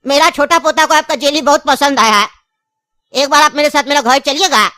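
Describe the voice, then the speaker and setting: A woman's voice: sits high, fairly quick, pushed and bright, no room sound. A woman voicing a scheming, insistent old grandfather in a cartoon, speaking with a tinge in a pleading, long-winded way. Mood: coaxing.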